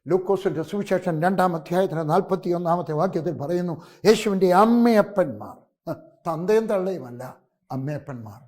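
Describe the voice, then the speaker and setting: Older pastor preaching a story-driven sermon. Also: male voice, high-pitched, expressive, fairly quick. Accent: Keralite Malayalam. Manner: storytelling preacher, swings between loud exclamations and hushed asides.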